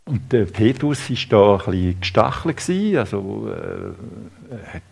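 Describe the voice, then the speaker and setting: A man with a Swiss German accent preaching a sermon, halting, with many fillers and restarts. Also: lowish voice, big pitch swings, gravelly, a little mellow, husky.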